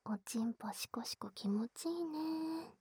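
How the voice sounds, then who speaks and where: A woman in a whispered role-play of intimate pillow talk, very breathy and soft, teasing and coaxing with touches of baby talk. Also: sits high, animated, unhurried, no echo, studio quality.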